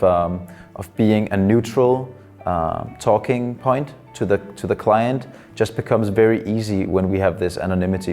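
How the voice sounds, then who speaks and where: In an interview, a psychology student and counselor from Denmark, in his twenties, gives considered answers in English, not his first language, and often pauses with fillers. He has a fairly low pitch and a darkish tone.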